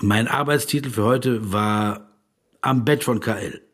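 In a radio play, a male actor portrays an earnest philosopher who is politely persistent, reflective, and probing. His husky voice sits on the low side yet sounds a bit bright, his pace is measured, and the mood is hesitant and conceding.

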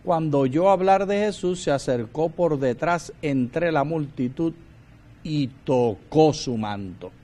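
A man's voice: a little high, expressive, slow, warm tone. A man co-presenting a Bible study, speaking fervently and devotionally and reading scripture aloud.

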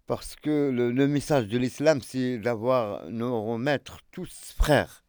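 Man, mid pitch, dry close sound, outdoors; earnest, halting explainer. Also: darkish tone, no room sound. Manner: hesitant, repeats words, earnest explaining. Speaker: street interview participant, translator. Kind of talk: casual street discussion. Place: outdoors in a street.

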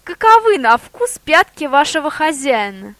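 A woman voicing a sly, bold male boar who talks in a lively, persuasive, theatrical way. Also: high voice, measured pace, no echo, voice pushed up, heavily acted. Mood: mocking.

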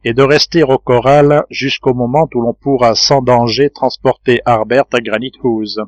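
A man's voice: mid-range voice, steady tone, normal speed, no echo, muffled recording, close to an everyday voice. Cyrus Smith, a man doing a firm engineer. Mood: grave. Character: resolute middle-aged male engineer leader.

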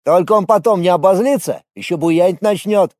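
A man voicing a blunt bartender who speaks loudly and plainly. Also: high voice, brisk, dry recording, studio quality, voice pushed up, natural voice. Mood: brusque. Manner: loud, brusque. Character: blunt male bartender, loud and plain-spoken.

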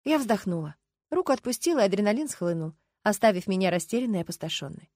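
A woman narrating a first-person audiobook in an expressive, lively reading style. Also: medium pitch, quick pace, no echo.

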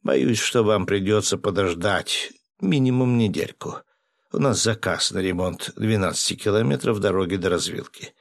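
An audiobook narrator voicing a sly, falsely polite road foreman in a slightly higher voice. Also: normal speed, gravelly, dry recording.

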